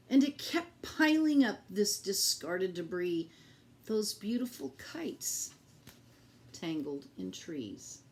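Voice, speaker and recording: Reading aloud to young children, a woman uses a mid-range voice and a deliberate, expressive teacher's style. She speaks directly to her small audience.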